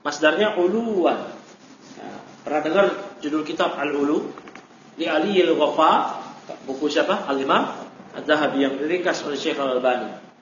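A high-voiced man leads a classroom lecture on Arabic grammar, spelling out each term and then quizzing his students. He works through the material step by step. The recording is roomy and dull, with a faint hiss underneath. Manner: explains step by step, repeats terms, quizzes students. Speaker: Islamic teacher.

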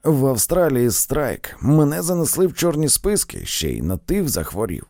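A man voicing a gravelly old railroad engineer yarning. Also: mid-range voice, sing-song, moderate pace, mellow, no room sound, clean studio sound. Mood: boastful. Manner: storytelling, boastful of his luck. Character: male railroad engineer telling his adventures. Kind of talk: audiobook reading.

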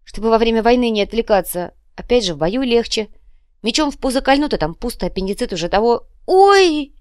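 A woman reading a fantasy audiobook, voicing a fussy, flashy male club manager who is quick to complain. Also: fairly high pitch, darkish tone, no echo, clean studio sound, voice pushed up, lightly acted. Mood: grumbling.

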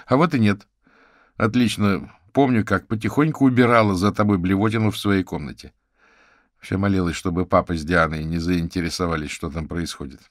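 Man doing a lively older sister, teasing, outspoken, raised voice, brisk banter, dry close sound. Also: sits low, dry recording, close to an everyday voice. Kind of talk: audiobook character reading.

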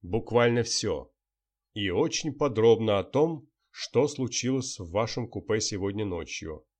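A man voicing a calm male journalist who speaks steadily and insistently. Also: on the low side, unhurried.

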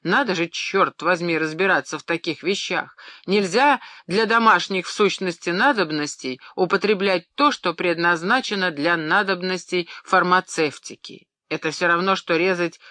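An audiobook reader voicing a pompous, excitable middle-aged male pharmacist who shouts and rants in outrage, raising the voice high and loud. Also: moderate pace, no room sound, studio quality. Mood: furious ranting. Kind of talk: audiobook character reading.

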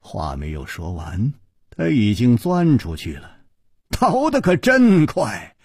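A male storyteller narrating a martial arts tale in a lively, dramatic way. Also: medium pitch, slow, slightly rough, dry recording, clean studio sound.

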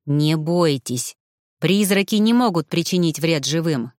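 Woman voicing a steady male mage, low, patient and coaxing, dry close sound. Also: a little slow, dry recording. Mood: calm persuasive. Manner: calm, coaxing, low-pitched.

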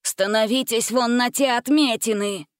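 A woman voicing a grumpy, sly old male sorcerer in a storybook reading, drawing out his proclamations slowly. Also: very high-pitched, smooth, no echo, clean studio sound. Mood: grumbling, solemn. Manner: slow, drawn-out proclamations.

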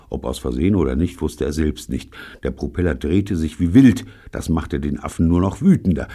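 A man narrating a storybook with a very deep, gravelly voice. His reading is expressive, swinging widely in pitch, with a husky, dark tone. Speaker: audiobook narrator.

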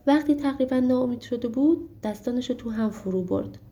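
A woman narrating a storybook audiobook in a steady, expressive way. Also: fairly high pitch.

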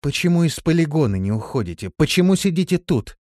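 Played by a male audiobook reader, a stern demon woman asks blunt, sharp questions, voiced only a little above his own pitch. The reading is close and dry. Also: huge pitch swings, a little slow, no echo. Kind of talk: audiobook character voice.

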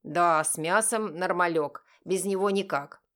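A woman voicing a cheeky, joking teenage brother with a slightly lower, loud, playful delivery. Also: unhurried.

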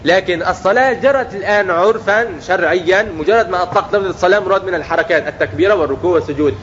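A man with a high, racing, somewhat bright voice preaches a religious lesson to young people, often posing questions and answering them himself and acting out everyday speech in quotes. The audio is dull, with slight background noise.

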